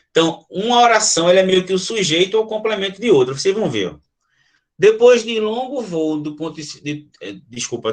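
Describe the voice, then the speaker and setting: A man teaching a grammar lesson to a class, checking in with the students and restating his examples. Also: high-pitched. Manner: checks in with listeners, often adding "tá?".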